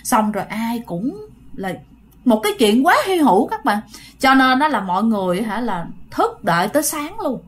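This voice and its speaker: Southern vietnamese woman telling a ghost story, chatty, talks right to the listeners, kinda high voice. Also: big pitch swings, normal speed. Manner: chatty, addressing listeners directly.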